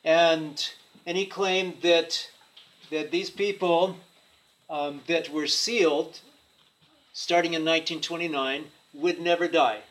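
A man preaching a sermon in short phrases, pausing so an interpreter can translate each line. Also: a little high, steady tone, a bit bright, low-quality recording.

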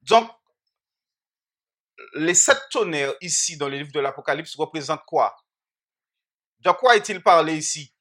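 Slow, bright-voiced Bible teacher quizzing listeners. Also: medium pitch, expressive. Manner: asks the audience questions and repeats phrases, with frequent restarts. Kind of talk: interactive Bible study sermon.

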